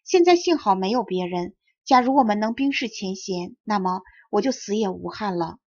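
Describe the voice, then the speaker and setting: A woman's voice: medium pitch, animated, normal speed, a little mellow, slightly rough, no room sound. A woman reading the lines of an ardent young male scholar, pleading and earnest, in a dull lo-fi recording.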